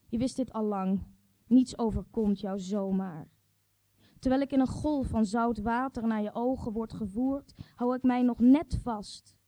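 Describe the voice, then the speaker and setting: A woman's voice: fairly high pitch, dark tone, dry recording. A woman reading a surreal, intimate prose piece aloud, speaking straight to a "you". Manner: intimate, addresses a "you" directly.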